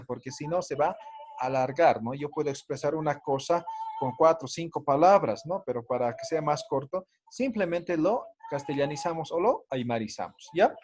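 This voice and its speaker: Male language teacher, explanatory, fairly high pitch. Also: darkish tone. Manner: explanatory, frequent tag questions. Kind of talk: online language class.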